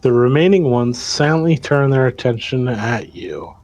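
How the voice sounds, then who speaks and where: A man's voice: medium pitch, normal speed, a little mellow. A man narrating a tabletop role-playing game as game master, mixing story narration with casual rules talk.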